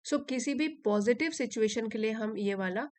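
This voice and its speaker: A woman who teaches English, reading a passage slowly in careful phrases and explaining it in Hindi. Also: a little high. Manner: reads English lines slowly and deliberately, then translates and explains.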